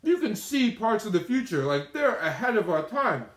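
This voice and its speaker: A man's voice: high-pitched, big pitch swings, normal speed. A man chatting casually to viewers on a livestream, rambling and opinionated, telling stories with plenty of slang. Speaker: mukbang streamer. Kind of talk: casual rambling live-stream chat to viewers. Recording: roomy, echoey room sound.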